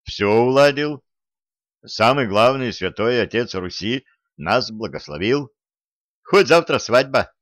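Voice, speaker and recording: A man's voice: medium pitch, expressive, takes it slowly, fairly bright tone, no echo, studio quality. A man doing a cocky bossy young schemer. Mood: cheerful. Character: young brash scheming man, royal gossip.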